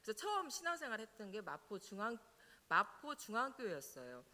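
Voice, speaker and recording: A middle-aged woman pastor, telling her own story in a sermon as an animated storyteller who laughs now and then. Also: medium pitch, a little fast. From Jeolla, South Korea. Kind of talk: personal testimony in a sermon. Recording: reverberant church hall.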